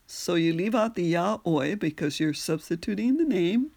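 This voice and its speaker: A woman's voice: on the low side, lively intonation, moderate pace, gravelly, mellow. A woman teaching on an audio lesson, patiently spelling out words and repeating phrases. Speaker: language teacher. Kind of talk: slow audio lesson on pronunciation and singing.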